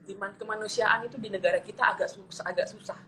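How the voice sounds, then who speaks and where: A woman's voice: mid-range voice, quick pace, pushed and bright, slight background noise, rough recording. A young woman from eastern Indonesia, a guest telling personal stories in a casual interview, earnest and repeating her phrases as she goes. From Papua, eastern Indonesia. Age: young adult.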